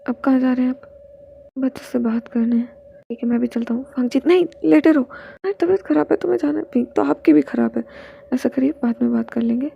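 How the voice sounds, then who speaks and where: A woman's voice: high voice, brisk, creaky, husky. A woman narrating a romance fanfiction, voicing every part herself and often dropping to a whisper. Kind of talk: storytelling, reading all parts aloud. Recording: dull lo-fi sound with faint noise.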